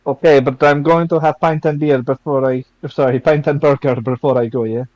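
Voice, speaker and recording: A man's voice: mid-range voice, steady tone, brisk, darkish tone, no echo, dull audio. A man playing a tabletop game, jokey and bantering in character. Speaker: player.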